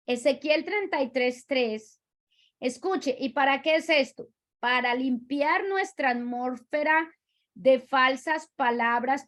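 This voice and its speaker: A woman teaching a religious lesson, explaining step by step and repeating herself to make each point clear. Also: high-pitched, fairly bright tone.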